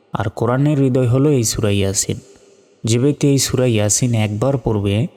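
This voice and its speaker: A man teaching Quran recitation, carefully spelling out each letter and vowel mark, then chanting the words in long drawn-out tones. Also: mid-range voice, mellow, big-room sound. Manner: slow, deliberate spelling out, drawn-out melodic recitation.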